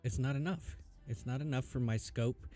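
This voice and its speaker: A man working as a streaming air traffic controller, moving between measured procedural calls and casual chat. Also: mid-range voice, mellow, faint music behind.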